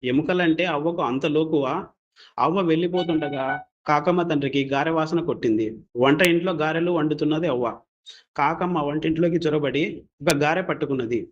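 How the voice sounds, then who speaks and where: A man's voice: on the high side, moderate pace, dull audio. Man narrating a folk tale. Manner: steady, plain storytelling. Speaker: storyteller. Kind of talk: scripted narration.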